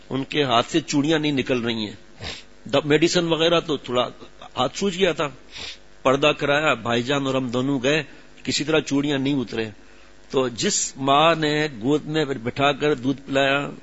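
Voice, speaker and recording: A man's voice: medium pitch, a bit bright. A middle-aged man preaching a sermon, telling stories in an earnest, emotional way and acting out quoted dialogue. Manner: storytelling with acted-out quoted dialogue. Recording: dull lo-fi recording.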